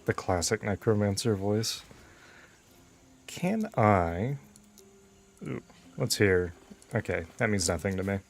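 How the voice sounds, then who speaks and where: A man's voice: on the low side, expressive, takes it slowly, gravelly, pauses often. A man giving casual game commentary, easygoing and thinking aloud as he plays. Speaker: game streamer.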